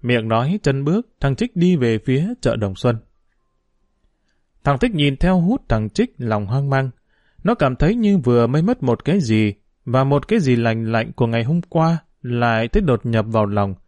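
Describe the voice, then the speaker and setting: A man narrating a novel as an audiobook in a steady, measured way. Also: medium pitch, dry recording. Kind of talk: novel reading.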